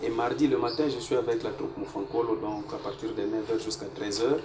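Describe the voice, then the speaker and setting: A man in his 40s, speaking as a guest artist in a casual interview, lays out his plans at length while mixing in Swahili words. His voice is fairly low and steady, his pace brisk, and the recording is noisy, echoey, and captured from a distant mic.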